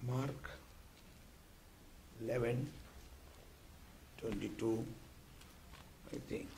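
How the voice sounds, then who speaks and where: A man preaching at a retreat, with an emphatic delivery that swings between soft asides and loud exclamations, calling on the audience to repeat phrases after him. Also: medium pitch, extremely slow, vocal fry, a little hiss or hum. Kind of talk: sermon.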